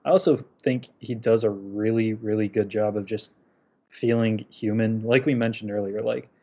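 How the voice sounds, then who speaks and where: A young man hosts a casual podcast chat, leading the talk in a calm, measured way. His voice sits low and mellow, with little rise and fall. The audio sounds muffled and lo-fi. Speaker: podcast host.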